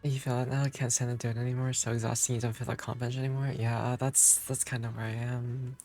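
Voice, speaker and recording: A man streams a game live, chatting casually with viewers in a hesitant, rambling manner. His mid-range voice is level in tone, a little mellow, and quick-paced, and game music plays in the background.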